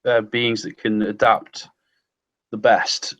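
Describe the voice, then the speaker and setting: A man's voice: lowish voice, flat delivery, slow, a bit bright, muffled recording. A man co-hosting a casual podcast chat, who hedges and fills his thoughts with ums and restarts. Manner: hesitant, many ums and restarts. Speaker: podcast co-host.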